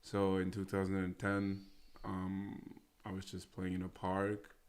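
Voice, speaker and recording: A young man from Austria with a very deep, gravelly voice talks as a guest in a casual interview. His pitch stays flat and even, and he speaks haltingly, pausing on fillers and starting over. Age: 20s. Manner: halting, with many fillers and restarts. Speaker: guest, American football player.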